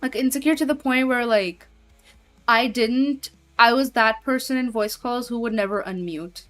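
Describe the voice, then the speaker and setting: With soft music in the background, a woman speaks at a moderate pace in a fairly high, fairly bright voice. She streams and voices characters as a hobby, and here she chats casually, reads chat out loud, giggles frequently, and trails off with filler words.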